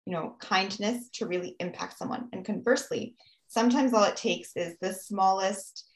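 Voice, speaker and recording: A woman's voice: mid-range voice, moderate pace, reverberant. A woman, talking earnestly in a casual podcast conversation, giving advice and often adding "you know" and "right?". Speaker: guest speaker on mental health.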